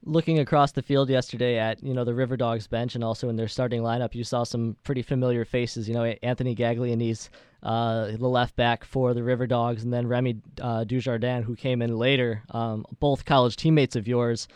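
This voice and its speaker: A man's voice: mid-range voice, flat delivery, fairly quick, a little mellow, clear, resonant tone, no room sound. A man hosting a sports show, talking conversationally through interview questions and soccer commentary in a wordy way.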